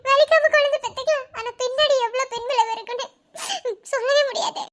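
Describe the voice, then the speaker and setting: A woman's voice: very high-pitched, fairly even intonation, fast talker, fairly bright tone. A woman voicing a brave young pregnant wife who comforts her frightened husband, tender and teasing. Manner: tender, teasing, laughing through tears. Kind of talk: cartoon voice acting.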